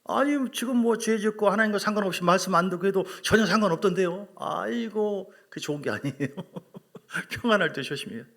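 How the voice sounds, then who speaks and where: Gravelly middle-aged man preaching a sermon. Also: sits high, a little fast. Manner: animated, emphatic storytelling with acted quotes; asks the congregation questions. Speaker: pastor.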